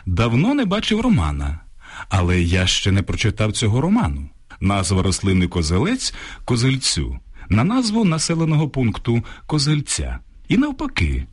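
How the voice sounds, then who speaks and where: A man presenting a scripted radio talk on grammar, reading out word lists in a measured way. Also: medium pitch, breathy edge. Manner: measured, lists examples slowly. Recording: radio studio broadcast.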